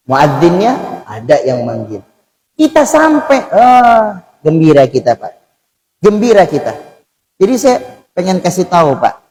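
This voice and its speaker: A male preacher giving a conversational sermon in a mosque. He keeps addressing the congregation directly and swings between loud bursts and soft asides. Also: sits high, poor audio.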